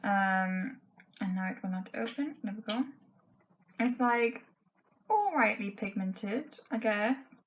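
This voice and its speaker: In her bedroom, a beauty vlogger in her twenties talks through a makeup tutorial while losing her voice, chatty and frank and full of "um" and "like." Her medium-pitched voice is expressive and slow, with long pauses. The recording quality is low.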